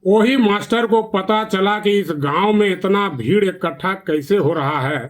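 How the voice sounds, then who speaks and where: A male storyteller, telling a village folk tale in a plain, earnest way. His voice sits slightly high for a man. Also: unhurried.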